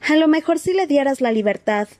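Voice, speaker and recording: A woman's voice: lively intonation, brisk, a little mellow, dry recording. Hermione, a woman doing a pleading teen girl. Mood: anxious pleading. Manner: high, hesitant, pleading. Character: teenage girl, anxious and pleading.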